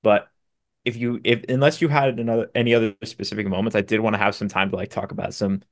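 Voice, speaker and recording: A man co-hosting a casual soccer podcast, relaxed and hedging with fillers, laughing often. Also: lowish voice, fast talker. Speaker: podcast co-host.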